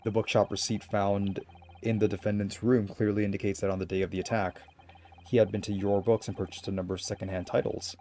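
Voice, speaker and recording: A man voicing an earnest, determined young defence lawyer with a measured, formal delivery in a video game. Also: fairly low pitch, little pitch movement, dark tone, close to an everyday voice. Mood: assertive.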